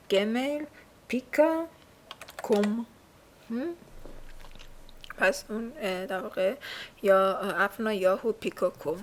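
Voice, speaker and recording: A woman's voice: mid-range voice, a little hiss or hum. A woman with a Persian accent teaching a language lesson from a textbook. She explains things patiently and uses many fillers. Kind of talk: casual recorded lesson reading a textbook.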